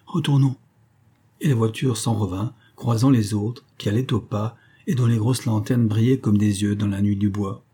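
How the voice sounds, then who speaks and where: A man reading a classic novel aloud as scripted narration, in a measured literary way. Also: on the low side, mellow, slightly rough. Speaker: audiobook reader.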